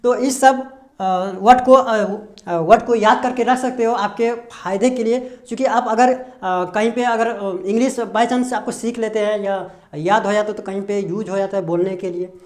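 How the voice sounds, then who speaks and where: A man teaching English pronunciation, explaining a lesson slowly with frequent hesitations and repetition. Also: high voice, steady tone. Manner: hesitant, many drawn-out filler sounds, repeats himself.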